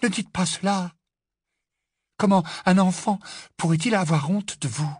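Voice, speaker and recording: A man voicing a distressed teenage girl witch in an audiobook, pleading in a high, strained voice. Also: measured pace, slightly rough, no echo, studio quality. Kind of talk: audiobook character voice.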